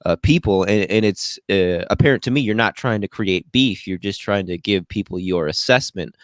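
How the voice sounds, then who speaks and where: A man's voice: deep voice, normal speed, no room sound. An American man hosting a podcast over a video call, rambling and hesitant, his audio sometimes breaking up. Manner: rambling, hesitant, many restarts. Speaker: podcast host.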